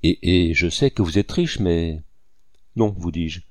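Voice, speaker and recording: A man's voice: low voice, unhurried, darkish tone, no echo, clean studio sound. A man voicing an older colonial planter who is a courteous, earnest host in a read-aloud story.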